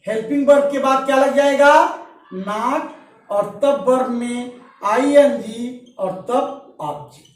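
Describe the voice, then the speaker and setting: Taking it slowly, a man with an extremely high-pitched voice teaches grammar, asking and answering his own questions and dictating examples one word at a time. His voice comes from a distance in an echoey room.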